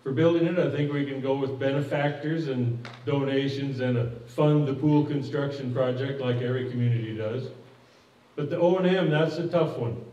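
With a mellow, mid-range voice at normal speed, an older man presents informally as project manager at a public meeting and fields questions from the audience. He's folksy and plain in his speech, often restarting phrases. A distant podium mic on a curtained hall stage yields an echoey, dull recording.

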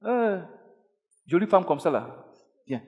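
A man's voice: high voice, big pitch swings, slow pace, in a large hall, muffled recording. A man leading a deliverance service as pastor, commanding and repeating his words in a chant. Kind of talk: deliverance ministry. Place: church.

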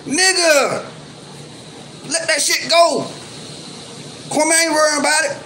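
A man's voice: very high-pitched, fairly even intonation, slow, bright, forceful tone, slight background noise, poor audio. A man ranting angrily on his video channel, scolding and cursing over and over in heated, repetitive bursts. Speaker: YouTube commentator. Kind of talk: angry ranting vlog.

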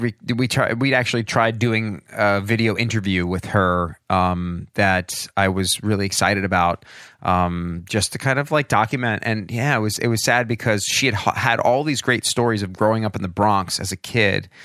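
A man hosting a podcast, casually telling a family story with many pauses and restarts. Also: lowish voice, fairly bright tone, no room sound, studio quality. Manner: rambling, with many ums and restarts. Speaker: podcast host.

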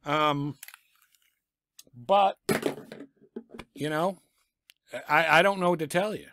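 Against a noisy background, a middle-aged sports picks vlogger with a raspy voice from a lingering cough gives blunt, sarcastic football picks about teams and coaches. He talks slowly at a fairly high pitch into a desk microphone, sitting in a small home room full of sports memorabilia, in casual commentary.

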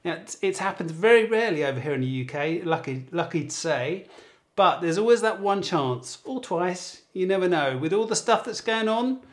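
A high-sitting male voice with lively intonation and normal speed belongs to a British tech reviewer unboxing a gadget at home. He chats casually, meanders, and keeps restarting his phrases.

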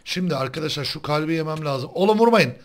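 An excitable young man with a Turkish accent, commentating a game. He talks casually and breaks into loud, repeated shouts when something happens. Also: on the high side, quick pace. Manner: excitable, yells and repeats words in bursts. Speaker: gaming channel host.

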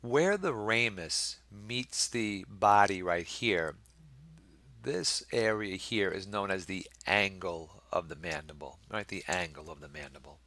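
A man's voice: sits low, a little slow, pushed and bright, slight background noise. A middle-aged man teaching anatomy over slides, explaining patiently and often checking in with the class. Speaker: anatomy instructor. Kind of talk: recorded lecture over slides.

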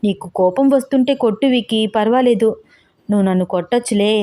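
A woman's voice: fairly high pitch, moderate pace, warm tone, no echo, clean studio sound, lightly acted. A woman playing a teasing, coy young fiancée.

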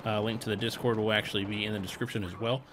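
A man's voice: lowish voice, level tone, rapid-fire, fairly bright tone, slight background noise. A tired young man giving casual, rambling voice-over commentary on his gameplay video, chuckling now and then. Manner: rambling, easygoing, chuckles often. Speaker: gaming channel host and streamer.

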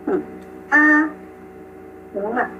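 Higher-voiced woman teaching pronunciation over a call. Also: animated, recorded from a distance, background noise. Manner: models sounds slowly, repeats them and praises students. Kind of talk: online pronunciation lesson. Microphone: video call. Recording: tinny call audio with music behind.

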